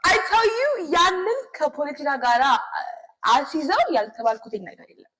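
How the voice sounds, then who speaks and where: A young woman co-hosting a casual chat and telling a story in an animated, emphatic way. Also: high-pitched, racing, poor audio. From United States. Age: young adult. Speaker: co-host.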